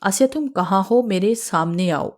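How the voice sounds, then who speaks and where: A woman's voice: medium pitch, lively intonation, darkish tone, lightly acted. A woman voicing a young male student, grieving and vengeful over his murdered sweetheart, in an audiobook story. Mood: earnest.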